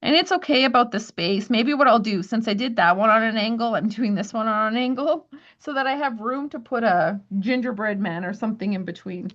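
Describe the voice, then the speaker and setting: A woman's voice: fairly high pitch, a little fast, few pauses, fairly bright tone, dull audio. A woman teaching a live crafting class at home, chatty and friendly, walking viewers through each step. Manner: chatty, friendly instructing with little laughs.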